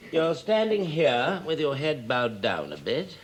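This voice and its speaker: A man's voice: on the high side, wildly swooping pitch, a little slow, a little hiss or hum. An actor playing an impatient, theatrical stage director who bosses his cast through a rehearsal in a 1970s televised stage drama. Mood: bossy, excitable. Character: fussy, excitable stage director running a rehearsal.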